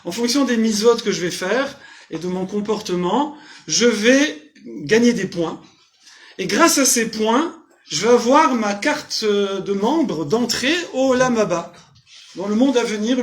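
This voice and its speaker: A man teaches a joking, informal Torah class to a group in a small community centre hall, firing questions at the audience and translating Hebrew terms. His voice is high, with lively intonation and a slightly slow pace.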